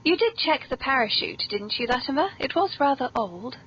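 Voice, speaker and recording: This British woman hosts a whimsical scripted comedy podcast, genteel, very polite and playful. She sounds very animated and fairly bright at a normal speed, though the podcast audio is muffled, noisy and low-quality.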